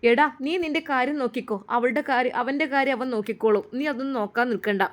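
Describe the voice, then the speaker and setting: A woman's voice: high voice, quick pace, natural voice. A woman voicing a cold, dismissive mother who brushes off her son. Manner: curt, dismissive.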